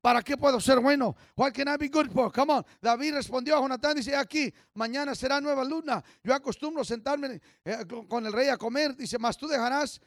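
Man pastor, high gravelly voice, dry recording; fiery call-and-response sermon. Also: normal speed, hardly any pauses, no echo. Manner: exhorting, call-and-response, swings from soft to shouting. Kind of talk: bilingual sermon.

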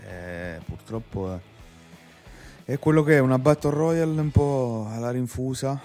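A man giving opinions as a co-host in a casual chat, hesitant, low-key and resigned. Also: measured pace, a little mellow. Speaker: podcast co-host. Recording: muffled lo-fi audio with music behind.

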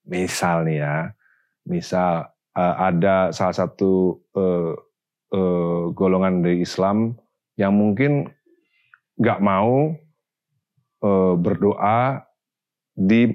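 A man's voice: sits low, extremely slow, long pauses. A man, talking in a casual panel discussion with lots of fillers and growing insistence. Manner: animated, pushy, hesitant with fillers. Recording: slightly dull sound.

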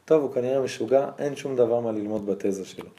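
A man's voice: medium pitch, warm tone, lightly acted. A man voicing a worried king in a told tale, musing aloud in a fretful way. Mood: brooding. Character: troubled worried king, middle-aged man.

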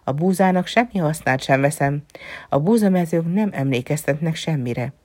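A woman's voice: deep voice, lively intonation, no echo. Woman voicing a wistful whispering fox. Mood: musing. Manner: soft, musing, often dropping to a whisper. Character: gentle wistful male fox, lonely and wise. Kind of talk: storybook reading.

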